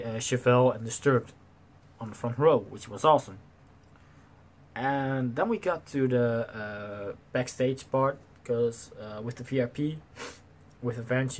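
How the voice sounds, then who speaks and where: A young man in his twenties casually telling a story to his camera, animated and swearing freely, acting out the people in it, recorded in a small bedroom on a desk webcam. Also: medium pitch. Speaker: vlogger. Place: small bedroom with slanted ceiling, indoors.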